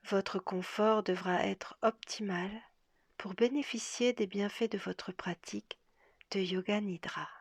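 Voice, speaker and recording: Leading a guided relaxation, a yoga nidra teacher speaks softly in a breathy half-whisper at medium pitch, her intonation fairly even. Long, measured pauses fill the session, and the recording carries no echo.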